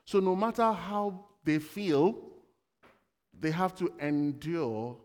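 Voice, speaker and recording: A man's voice: a little high, lively intonation, slow pace, darkish tone, big-room sound. A man giving a sermon in a conversational way, telling everyday stories and asking the congregation questions. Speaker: preacher.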